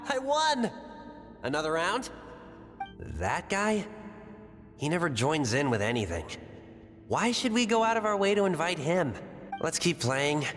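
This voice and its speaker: A man's voice: on the high side, huge pitch swings, unhurried, pauses often, a bit bright, soft background music, full character voice. An actor playing a carefree, dismissive young boy at play in a video game, with long reverb on the voice. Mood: playful, dismissive.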